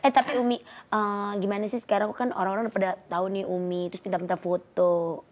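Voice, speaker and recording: A woman's voice: mid-range voice, flat delivery, fast, a crowd in the background. A woman co-hosting a casual comedic chat, firing off teasing questions.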